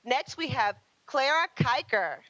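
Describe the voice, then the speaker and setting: Lady hosting a student q&a, high lively voice, takes her time, bit of a muffled dry link. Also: unhurried, a little hiss or hum. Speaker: event host introducing student questioners. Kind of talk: live event hosting.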